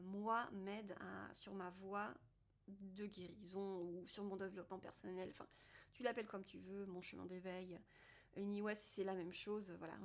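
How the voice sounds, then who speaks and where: Candid French woman talking to camera. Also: medium pitch. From France. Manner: candid, unfiltered, swears casually; thinks aloud in loose, rambling phrases. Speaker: vlogger. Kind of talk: casual confessional talk to camera.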